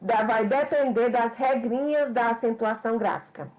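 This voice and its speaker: A woman's voice: on the high side, a little mellow, rough recording. A woman teacher from Brazil giving a remote grammar lesson, explaining patiently and speaking to her students directly. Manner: slow, explanatory, addresses students as "pessoal".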